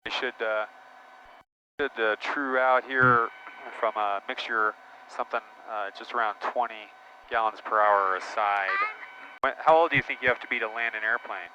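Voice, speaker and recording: A man talking as a pilot, casually narrating a flight in a halting, matter-of-fact way. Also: mid-range voice, fairly even intonation. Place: small airplane cockpit in flight. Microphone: aviation headset. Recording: dull, noisy aircraft cockpit intercom. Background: engine noise, radio.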